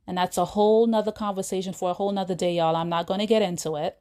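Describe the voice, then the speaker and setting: Talking fast, a podcast host retells a scene from a film in a casual, chatty monologue, breaking off for asides to listeners. Her mid-range voice has a dark tone and fairly even intonation.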